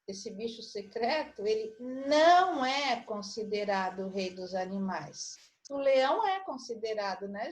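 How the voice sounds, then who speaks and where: A Brazilian woman teacher with a slightly high voice, taking her time over every word. She walks young children through a word puzzle in an online lesson, spelling out syllables and clues one by one. She sounds patient and methodical. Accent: Brazilian Portuguese. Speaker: primary school teacher.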